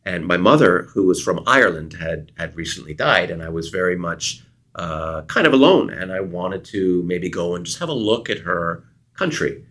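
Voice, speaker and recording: A middle-aged Canadian consultant, appearing as an interview guest, answers questions by telling stories in a low voice at a moderate pace. He's an animated storyteller who acts out the quoted dialogue.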